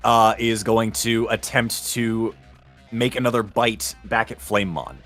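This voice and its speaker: A male game master with a fairly low voice, narrating a tabletop adventure in measured, formal phrases. Soft music plays behind him. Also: steady tone.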